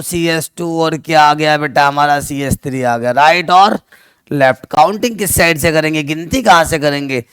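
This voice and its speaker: A man teaches chemistry online in a loud, projecting voice that sits a little high and comes across smooth and crisp. He keeps calling his students dear children, throws questions at them and answers them himself, mixing two languages. The sound is dry, with no room echo.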